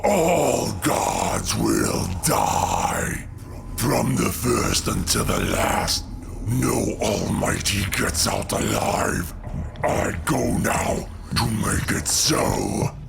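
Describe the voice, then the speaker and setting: A man playing a grave, embittered alien god killer in a comic-book audio drama, delivering slow, theatrical, menacing speeches. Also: sing-song, very noisy, full character voice. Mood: cold, resolute. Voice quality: deep gravelly voice. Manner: slow, brooding, theatrical villain monologue. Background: music under the voice.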